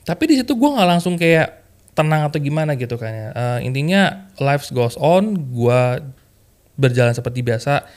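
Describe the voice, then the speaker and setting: A man's voice: moderate pace, clean tone. Slangy man telling his story. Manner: animated, slangy, full of fillers like "kayak" and "gitu kan"; acts out remembered quotes with lively jumps in pitch. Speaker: podcast guest sharing a testimony. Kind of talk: casual storytelling chat.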